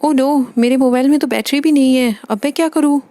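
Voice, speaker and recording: A woman's voice: sits high, a little fast, mellow, dry recording, lightly acted. A woman voicing a fussy, worried mother doll who frets and scolds in a storybook tale. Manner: fretful, scolding. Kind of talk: Hindi doll story voice-acting.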